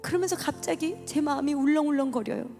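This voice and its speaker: Woman, high pitch, emotional church testimony, dramatic storyteller, reverberant hall with soft music under. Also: quick pace, vocal fry. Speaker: testimony speaker.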